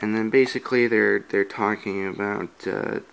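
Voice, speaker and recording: A man giving a casual, halting comic book review, pausing often with fillers and restarts. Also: lowish voice, steady tone, gravelly, a bit bright. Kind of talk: casual review with reading aloud.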